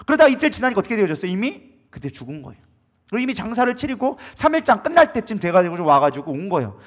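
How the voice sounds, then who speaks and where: 남자 목사가 회중에게 질문을 던지며 힘주어 설교한다. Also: male voice, high-pitched, very animated, rapid-fire. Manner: emphatic, asks the congregation many rhetorical questions. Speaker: pastor. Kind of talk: sermon.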